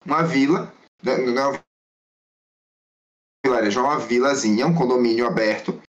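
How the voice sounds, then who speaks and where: A man who teaches Mandarin at a school appears as a guest, answering casually and rambling through anecdotes, storytelling and correcting himself along the way. His voice is medium-pitched and a little fast. The lo-fi recording sounds dull, with a slight hiss or hum.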